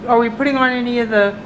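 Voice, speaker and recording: A woman talking casually on site at a laundromat, narrating an installation as she films it. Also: fairly high pitch. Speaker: host filming an installation. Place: laundromat during equipment installation. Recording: noisy work-site ambience.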